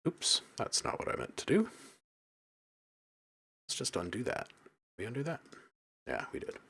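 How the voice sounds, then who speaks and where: A man's voice: medium pitch, huge pitch swings, moderate pace, creaky, bright, forceful tone, breathy edge. A man hosting a casual live stream, reading viewers' comments aloud and musing on them, then muttering to himself while he edits sounds.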